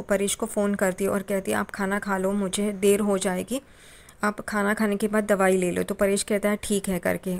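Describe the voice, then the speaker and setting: A woman casually retelling a TV serial episode, reading the characters' quoted lines in the same plain, even way. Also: medium pitch. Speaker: serial recap narrator. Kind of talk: casual storytelling recap.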